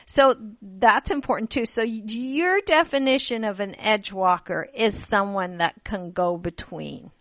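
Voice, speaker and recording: A woman from Pakistan hosting a radio interview, telling stories in an animated way with frequent restarts. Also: mid-range voice, measured pace, hardly any pauses, dry recording. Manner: animated storytelling with laughs and restarts. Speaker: radio show host. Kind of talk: casual interview chat. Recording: dull lo-fi radio audio.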